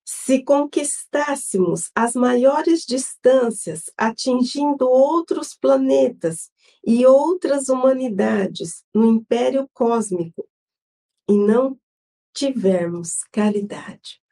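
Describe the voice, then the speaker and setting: A Brazilian woman hosting an online Spiritist gospel study, leading an opening prayer and reading a devotional text in a solemn, measured way. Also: on the high side, mellow. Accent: Brazilian Portuguese. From Brazil, São Paulo state.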